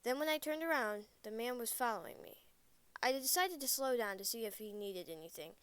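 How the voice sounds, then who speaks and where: Woman, scary story narration, fairly high voice, smooth and clear, dry close sound. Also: lively intonation, a little fast, fairly bright tone, no echo. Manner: plain, hesitant, with self-corrections.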